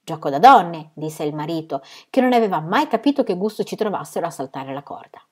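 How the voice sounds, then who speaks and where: A woman reading a novel aloud in steady, measured storytelling. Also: lowish voice. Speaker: reader.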